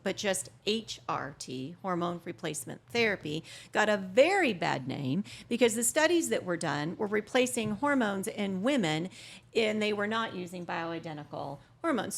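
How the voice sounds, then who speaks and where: A woman's voice: mid-range voice, vocal fry, a bit bright. A woman in her fifties, a naturopathic physician, chatting and explaining in a casual podcast interview, laughing easily. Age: 50s. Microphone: podcast studio mic.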